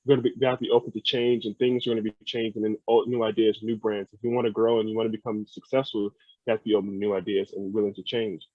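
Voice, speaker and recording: A man's voice: fairly low pitch, flat delivery, racing, dry recording. A young American man, a podcast guest, talking earnestly and thoughtfully, often repeating words as he thinks. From United States. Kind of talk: casual podcast conversation. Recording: dry, phone-like sound.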